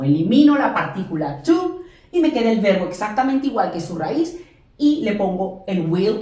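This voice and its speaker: Lively woman teaching in an echoey room. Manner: repeats and drills examples slowly, stressing English words higher. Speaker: English teacher. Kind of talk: classroom lesson explanation. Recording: echoey room, distant mic.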